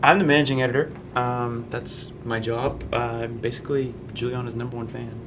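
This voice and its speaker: A young man from Canada, a student managing editor answering interview questions in a relaxed, rambling way with many ums. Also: medium pitch, brisk, slight background noise. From Fredericton, Canada. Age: young adult.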